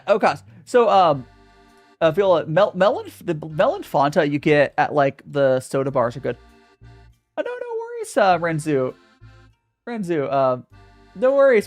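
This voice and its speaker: A young streamer answers viewer questions in a relaxed, casual livestream Q&A, his somewhat high voice swinging up and down animatedly. He frequently stumbles and restarts sentences while reading chat questions aloud, with soft music playing quietly underneath.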